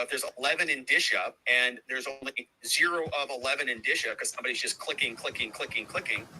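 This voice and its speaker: A man's voice: medium pitch, pushed and bright, slightly rough, low-quality recording. A middle-aged man hosting a livestream, chatting casually and thanking viewers by name between asides. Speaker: livestream host.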